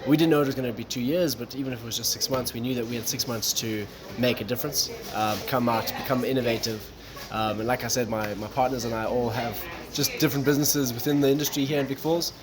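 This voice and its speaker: A man from Malawi, a guest talking casually about his tourism business, relaxed and saying "um" and "look" a lot. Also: mid-range voice, quick pace, hardly any pauses, a crowd in the background. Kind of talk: casual interview talk. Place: coffee shop. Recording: noisy coffee shop background.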